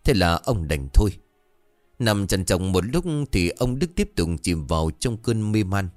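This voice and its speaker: A man narrating a horror story in an expressive, dramatic storytelling manner. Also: low voice, measured pace, no room sound, faint music behind.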